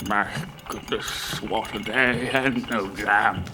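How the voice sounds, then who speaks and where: A weary, frail old butler, as a man voices him, grumbling slowly in a lowered, tired voice. He sounds put-upon and dry, a comic servant in a period tabletop drama. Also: fairly even intonation, background noise.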